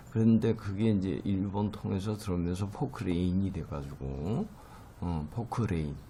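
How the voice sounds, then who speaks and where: A man's voice: low-pitched, vocal fry, dark tone, a little hiss or hum. A middle-aged man teaching a recorded lecture, explaining terms patiently with many fillers and stressing English words strongly.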